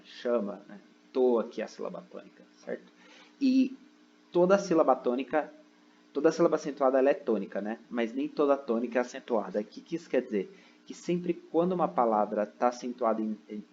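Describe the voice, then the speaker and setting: Sitting indoors at a computer, a man teaches a recorded online lesson, going step by step and regularly adding "né?" and "ok?" checks. His voice is medium in pitch with a darkish tone, and the lo-fi audio has a little hiss or hum.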